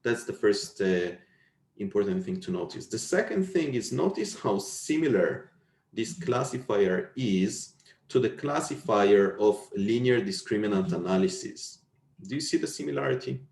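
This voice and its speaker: A man's voice: lowish voice, lively intonation, normal speed, gravelly, darkish tone. A man giving an explanatory technical lecture over an echoey video call. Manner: explanatory, checks understanding with questions. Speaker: university lecturer. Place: indoors, online video call.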